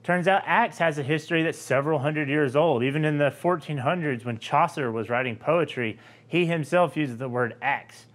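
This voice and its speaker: A young man from Georgia with a light Southern accent, explaining a language topic to camera in a relaxed, conversational way with frequent fillers. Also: a little high, moderate pace, few pauses. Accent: Southern US, softened. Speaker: linguistics video host.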